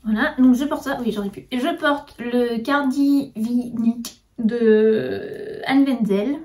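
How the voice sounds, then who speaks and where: A woman's voice: on the high side, slow pace, a little mellow, recorded from a distance. A woman co-hosting a podcast in casual chat, hesitant, with many fillers, often trailing off. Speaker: podcast co-host.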